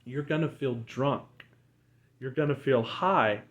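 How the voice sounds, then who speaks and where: A man teaching breathwork and spirituality as a channel host, speaking in a slow, deliberate guru manner with pauses between short phrases. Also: medium pitch. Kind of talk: guided breathwork and spiritual talk.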